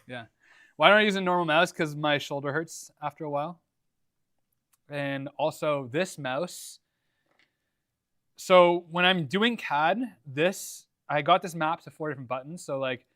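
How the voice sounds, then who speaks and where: Young male streamer, fairly high voice, dry close sound, relaxed and rambling. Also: no room sound. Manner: laid-back, rambling, lots of likes and ums. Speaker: livestream host. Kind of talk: casual livestream Q&A. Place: home workshop.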